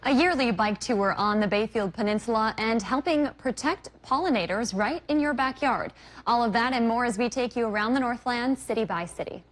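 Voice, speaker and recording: A woman news anchor reading short regional stories in a steady scripted manner. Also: on the high side, brisk, background noise. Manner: steady, even read of short regional items.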